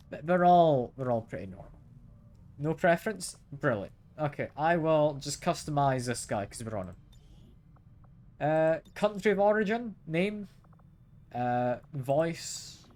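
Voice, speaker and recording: A man's voice: on the high side, a little mellow. A man streaming a game live, chatting casually, asking his viewers questions and chuckling often. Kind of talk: casual live gameplay chat.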